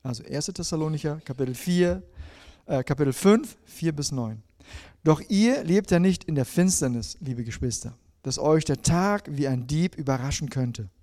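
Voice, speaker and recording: A man preaching a sermon, reading scripture aloud and addressing the listener directly, swinging between emphatic and hushed delivery. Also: on the high side, animated, normal speed.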